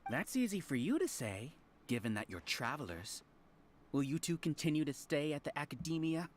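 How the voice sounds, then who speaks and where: An arrogant, zealous researcher holds forth like a cult leader. His delivery is grandiose and sweeps widely in pitch, in the style of a video game villain. There is faint noise in the game stream capture. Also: big pitch swings, normal speed. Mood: cold, menacing. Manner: grandiose, theatrical villain monologue. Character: arrogant, zealous male researcher leading a hive-mind cult.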